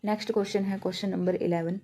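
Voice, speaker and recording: A woman with a Haryanvi Hindi accent teaching an exam-prep grammar lesson. She explains each rule step by step, asks questions and answers them herself, and reads example sentences slowly. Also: mid-range voice, steady tone, warm tone.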